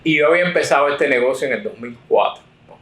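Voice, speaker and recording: A man's voice: mid-range voice, expressive, quick pace, fairly bright tone. A man in his sixties, a political consultant telling his career story in an interview, full of fillers and self-corrections. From United States. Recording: roomy echo.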